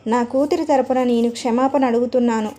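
A humble, apologetic middle-aged mother in a storybook tale, read by a woman. Her voice is high and mellow, gentle and pleading. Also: steady tone, fairly quick, lightly acted.

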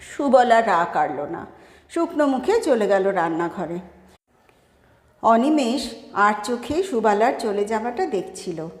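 A woman reading a short story aloud in a measured way, shifting her tone for each character's lines. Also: fairly high pitch, very animated. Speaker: story reader. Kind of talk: scripted story narration with acted dialogue. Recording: echoey room with long reverb.

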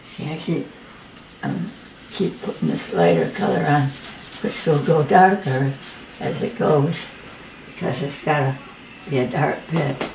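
An elderly woman in her eighties with slightly slurred speech from missing teeth, talking in an earnest, halting, plainspoken way as in a homemade personal video. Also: sits low, expressive, darkish tone, echoey room, poor audio. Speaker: amateur watercolor painter and video maker. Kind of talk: personal testimony and casual painting demonstration. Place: living room at home, indoors. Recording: noticeable background noise, amateur home recording.

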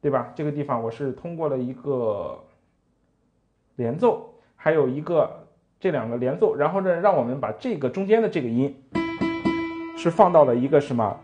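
Man teaching piano lively, animated speech. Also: medium pitch, moderate pace, long pauses, dull audio. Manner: counts beats aloud, asks frequent rhetorical tag questions. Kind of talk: music lesson with counting and playing. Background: piano playing.

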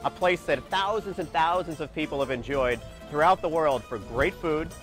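A man's voice: a little high, moderate pace. A middle-aged man with a lapel mic hosts a travel food show from a busy outdoor fish market, exclaiming often and laughing easily. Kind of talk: enthusiastic travel show presenting. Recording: loud crowd and music behind. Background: crowd chatter and background music.

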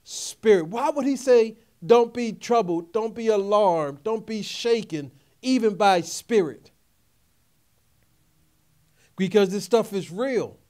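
A man's voice: high-pitched, expressive, takes it slowly, a little mellow. A middle-aged man preaching a sermon, emphatic and repetitive, calling out questions to his congregation. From Philadelphia area. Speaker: pastor.

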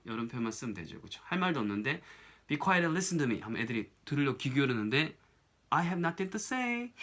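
A man teaching an English lesson in a casual, chatty way, often checking "right?" and saying English lines slowly as examples. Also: mid-range voice, pushed and bright.

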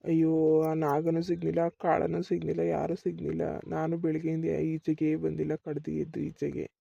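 A man's voice: on the high side, monotone, normal speed, creaky, dark tone, no echo, dull audio. A man in a village comedy skit, playing a sick laborer, pleading. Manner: pleading, whiny village talk. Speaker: comic actor playing a sick farm laborer.

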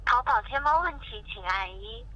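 A woman's voice: fairly high pitch, lively intonation, moderate pace, bright, forceful tone. A woman's cheerful automated hotline voice reading polite, scripted menu prompts over a phone line. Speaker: automated customer service hotline voice. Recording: muffled phone line, faint hiss.

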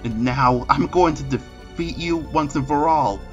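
A man's voice: mid-range voice, a little slow, muffled recording, faint music behind, natural voice. Man as Shadow the Hedgehog, dramatic and defiant. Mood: resolute. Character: defiant brooding cartoon hedgehog antihero, dramatic. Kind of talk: improvised parody fandub.

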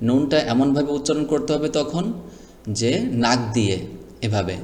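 A man's voice: mid-range voice, moderate pace, darkish tone, a little hiss or hum. A man teaching Quran reading, spelling out letters and vowel marks one by one and asking the learner to repeat after him. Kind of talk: slow spelled-out recitation lesson. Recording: echoey room with long reverb.

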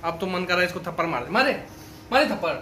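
A man's voice: sits high, lively intonation, fast, bright, forceful tone, a little hiss or hum. A man in his thirties filming a casual family vlog in a small room at home, pleading with his wife and sounding exasperated. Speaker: vlogger husband. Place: small home bedroom, indoors.

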